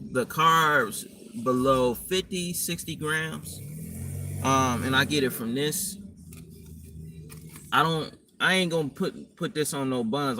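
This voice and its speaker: Blunt, profane man with a bright voice. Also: medium pitch. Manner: blunt, profane, rambling slang. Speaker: dating and fitness vlogger. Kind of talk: casual advice monologue. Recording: distant mic with faint room noise.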